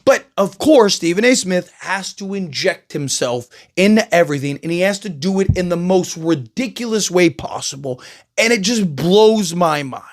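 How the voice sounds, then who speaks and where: High-voiced exasperated male sports commentator. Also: lively intonation, moderate pace. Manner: exasperated, rambling, heavy fillers. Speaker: channel host. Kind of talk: opinion commentary vlog.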